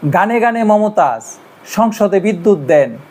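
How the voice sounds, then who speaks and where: Male bingo caller, slightly high voice, chanting rhymed number calls with a steady rhythm. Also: measured pace.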